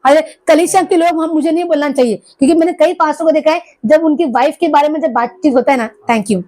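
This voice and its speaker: A woman's voice: high voice, fast, mellow. A middle-aged woman preaching a church sermon, with many hallelujahs, asking the congregation questions. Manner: call-and-response preaching, repeated hallelujahs. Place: church hall.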